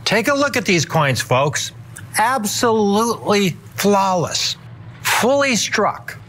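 A middle-aged American man giving a hard sell infomercial pitch with emphatic, deliberate, dramatic stress. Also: very animated, a bit bright. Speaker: TV coin pitchman.

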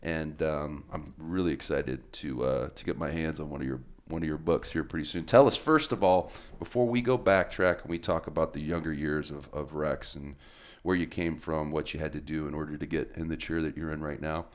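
A man with an extremely deep voice hosts a casual podcast interview. He talks in an earnest, affectionate way, full of ums and uhs. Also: steady tone, brisk. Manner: earnest and affectionate, with frequent fillers. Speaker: podcast host.

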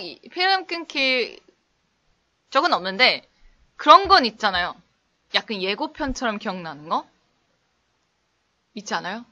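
Bubbly, bright-voiced woman teaching English live. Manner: playful, laughing, acts out little skits in exaggerated high voices. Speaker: English instructor hosting a live stream. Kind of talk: casual live-stream English lesson, reading chat.

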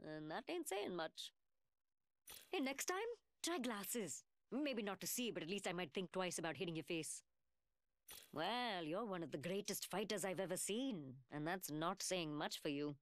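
An actress voices a cocky young gunsmith in a video game, taunting and mocking in a cheeky, sarcastic, slangy way. She uses a British working-class London accent, and her mid-range voice sounds natural.

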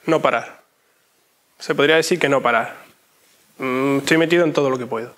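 A man's voice: medium pitch, brisk, fairly bright tone. A young man answering interview questions inside a church in short, often repeated phrases. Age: young adult. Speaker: interview guest.

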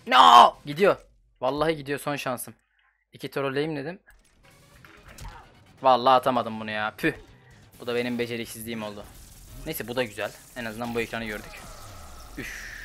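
Casual gaming host, young man with a Turkish accent, slangy play-by-play with loud reactions, faint game music underneath. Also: mid-range voice, fairly quick, pauses often. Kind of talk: casual gameplay commentary.

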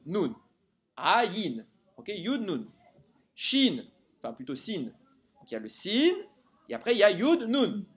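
Animated man teaching a Torah lesson. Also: high voice, husky. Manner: animated, quizzes listeners with rhetorical questions. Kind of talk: live Torah lesson to a group.

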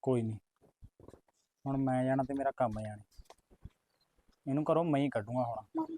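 An actor playing a scheming young man in a Punjabi village drama, hiding a secret marriage and urging others to keep quiet. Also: mid-range voice, normal speed, close to an everyday voice. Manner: pleading, hushing, urgent. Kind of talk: rural village drama acting.

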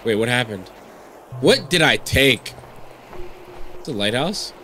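Slow-spoken but animated, a man in his thirties streams a horror game from his gaming desk indoors over a headset mic, with game music in the background. His voice is nasal as he recovers from a cold. He swears, sounds jumpy and lets out high yelps whenever something startles him.

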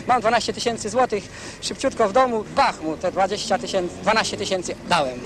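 This high, slightly fast male voice comes from a 1970s newsreel, with background noise behind it. Being interviewed, he gives a meandering account, restarting sentences and repeatedly dropping in "prawda."

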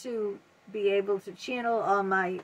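A woman's voice: medium pitch, steady tone, measured pace. A woman in her late fifties giving an emphatic motivational talk to camera at home, repeating key words and peppering her talk with "you know.". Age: 50s. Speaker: self-help video host. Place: home room lined with bookshelves, indoors. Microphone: webcam at desk, close.

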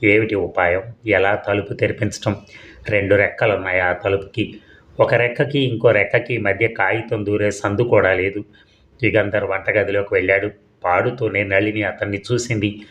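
A male storyteller reading a suspense tale aloud. His voice sits on the low side, and he keeps a steady, measured pace with the odd small slip. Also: lo-fi sound. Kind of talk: scripted narration of a suspense story.

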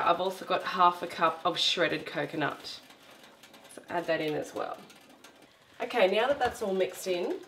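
A woman's voice: lowish voice, a bit bright, roomy sound, slight background noise. A woman, hosting a cooking demonstration in her home kitchen and explaining each step in a chatty, instructive way. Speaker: cooking show host.

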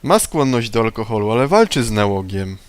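A man reading the lines of a prim middle-aged woman who leads a temperance union, a little higher and louder than his own voice. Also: sing-song, a little fast, smooth, no room sound. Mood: indignant. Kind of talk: reading game dialogue aloud.

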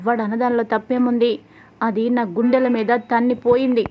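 A woman's voice: fairly high pitch, flat delivery, brisk, highs cut off, lightly acted. A woman voicing a stern older man, the head of the family, who angrily refuses a marriage. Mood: angry refusal. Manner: angry, defiant.

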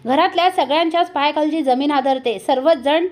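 A woman narrating a TV serial recap in a steady, dramatic storytelling manner. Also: high voice, fairly quick.

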